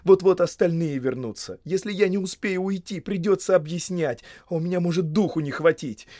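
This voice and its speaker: A man's voice: high-pitched, brisk, mellow, no room sound, clean studio sound, voice pushed up, natural voice. A man voicing an earnest, weary young male hobbit who speaks in a firm, urging way in an audiobook. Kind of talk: audiobook character voice.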